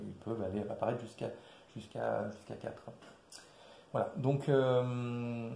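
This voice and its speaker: A man's voice: creaky, warm tone. Hesitant man explaining game rules. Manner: hesitant, many fillers and restarts. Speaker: board game presenter. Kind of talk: casual rules walkthrough. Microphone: quiet distant mic. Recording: echoey room, low level.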